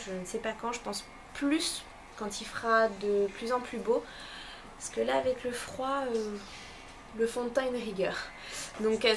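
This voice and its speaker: A young woman talks through a box of beauty products in a relaxed review. Her voice sits a little high, and she often stops and restarts with fillers. Faint room noise hangs behind her. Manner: hesitant, many fillers and restarts. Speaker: beauty vlogger. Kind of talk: casual unboxing review.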